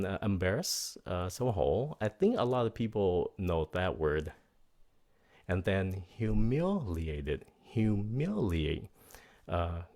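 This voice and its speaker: Guy teaching english vocab, kinda low voice, goes real slow and repeats words over and over for pronunciation. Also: a little mellow. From United States. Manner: slow, deliberate, spells out pronunciation and switches between English and Vietnamese. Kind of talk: bilingual vocabulary lesson.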